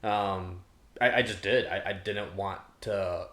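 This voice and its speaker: A man's voice: low-pitched, steady tone, slow pace, a bit bright. A man in his thirties co-hosting a podcast, talking casually and rambling with many restarts. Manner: rambling, full of restarts and fillers. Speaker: podcast co-host. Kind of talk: casual chat. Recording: roomy echo.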